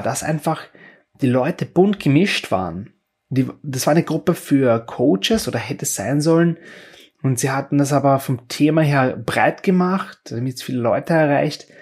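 A man talks through his points alone on a podcast, with a slightly husky, breathy voice at an ordinary middle pitch. His delivery is casual and explanatory, built around rhetorical questions he answers himself, with frequent restarts mid-sentence. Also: a little mellow. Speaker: podcast host. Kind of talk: solo podcast monologue.

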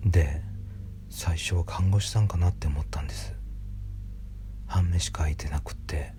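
A man reads a creepy ghost story in a hushed, breathy whisper, speaking conversationally as the narrator. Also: sits low, moderate pace. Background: background music.

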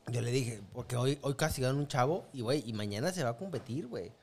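A man's voice: mid-range voice, fast talker, vocal fry, slight background noise. A man with a Mexican accent in casual chat, explaining how he disciplines his son. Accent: Mexican Spanish. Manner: lecturing tone about consequences. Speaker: father.

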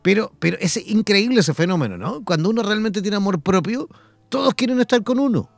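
A man with a Chilean accent chatting casually, repeating himself often and filling pauses with "eh". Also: sits high, animated, creaky, no room sound. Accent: Chilean Spanish. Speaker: conversation partner. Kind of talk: casual conversation.

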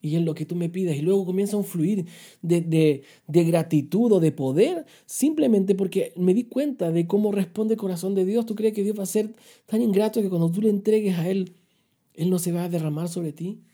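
A man's voice: high voice, moderate pace, dark tone. A man preaching on a podcast, earnest and confessional, posing rhetorical questions and answering listener questions.

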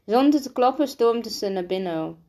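A woman reading a children's book aloud, halting often and restarting words as she stumbles over the text. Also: on the high side, animated, warm tone. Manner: halting, frequent restarts and slips. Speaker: reader.

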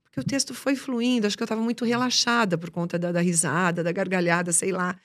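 A woman, a journalist and TV presenter, telling lively anecdotes nonstop in a casual podcast interview. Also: on the low side. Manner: talks fast and nonstop, animated anecdotes.

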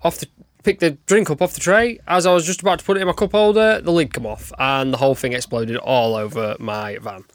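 A man's voice: mid-range voice, steady tone, fairly quick. A man co-hosting a podcast in casual, laddish, matey banter, often swearing. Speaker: podcast co-host.

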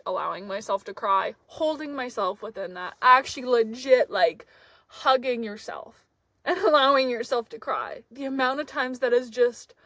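A woman's voice: a little high, fairly bright tone, dry recording. A young woman vlogger talking candidly and reflectively about her feelings, laughing often as she speaks. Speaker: van life vlogger. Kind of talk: candid personal talk to camera.

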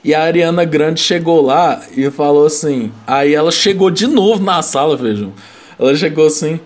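A man's voice: fairly high pitch, moderate pace. A young man, casually telling a story in rambling chat, laughing and packing in slang fillers.

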